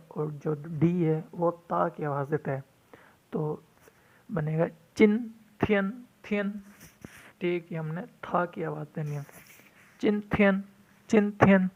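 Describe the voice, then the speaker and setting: A man's voice: fairly high pitch, steady tone, darkish tone. Drilling male language teacher, lo-fi. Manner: repeats each word several times in a firm drill; mixes English glosses into explanations. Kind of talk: vocabulary lesson. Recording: dull lo-fi recording.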